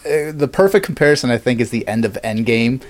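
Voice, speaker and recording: A man's voice: medium pitch, animated, quick pace. A man hosting a casual podcast chat, rambling and laughing as he talks, swearing freely.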